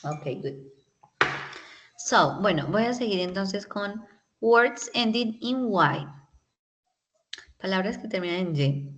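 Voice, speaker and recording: A woman's voice: medium pitch, expressive, slow, pauses often, slight background noise. A woman teacher, patiently explaining English grammar in an online class and often checking in with her students. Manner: patient, explanatory, many tag questions.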